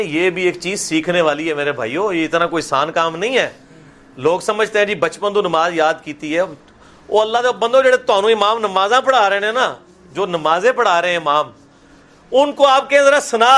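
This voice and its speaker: Bright-voiced man teaching slow recitation. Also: high-pitched. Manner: explains pronunciation, then recites slowly for listeners to repeat; slips into Punjabi asides. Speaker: religious lecturer teaching prayer recitation. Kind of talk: classroom lesson with slow drawn-out recitation.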